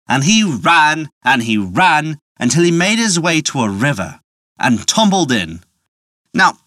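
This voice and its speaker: A storyteller narrating a folk tale, the voice roaming far up and down in pitch. The tone is playful and dotted with wry asides. The sound is close and dry. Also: fairly bright tone, no room sound.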